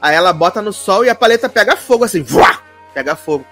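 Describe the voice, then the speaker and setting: A man's voice: sits high, fast talker, soft background music. A man casually retelling a series episode, slipping into playful character voices and filler phrases. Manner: animated, quotes characters in playful voices, fillers like "não sei o quê". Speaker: podcast co-host recapping a series. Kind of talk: casual chat, retelling with acted quotes.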